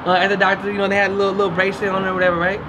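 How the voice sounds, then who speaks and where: A young man from Los Angeles hosting a casual podcast chat on an outdoor porch, telling stories with animated gestures and frequent laughs. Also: high voice, very fast, background noise. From Los Angeles, California. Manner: animated storyteller, laughs often, gestures broadly. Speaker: podcast host. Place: outdoor porch, small patio.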